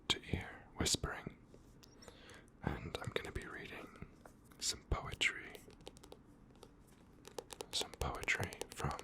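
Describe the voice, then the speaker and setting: A man whispering softly and slowly into a close stereo mic, moving from ear to ear as an ASMR creator. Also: rumbling low, vocal fry. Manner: soft, slow, unvoiced whisper.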